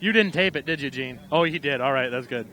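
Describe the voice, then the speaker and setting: A man calling a live race outdoors at an amateur track, irreverent and profane, getting excited as the action builds. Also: medium pitch, brisk, slight background noise. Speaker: race announcer.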